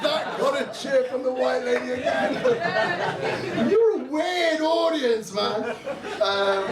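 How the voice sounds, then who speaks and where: A young man hosting a comedy night, brash and sweary, doing crowd work and laughing at his own jokes. His voice is high and swings widely in pitch. He is heard from across an echoey club, with a lively crowd laughing around him. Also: slow. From Saudi Arabia. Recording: roomy club sound from far off, crowd noise. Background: audience laughing and cheering.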